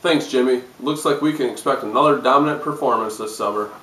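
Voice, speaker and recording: A man's voice: medium pitch, fast talker, a bit bright, slight background noise. A man delivering a scripted parody newscast as a mock-serious news anchor. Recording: roomy echo, distant mic.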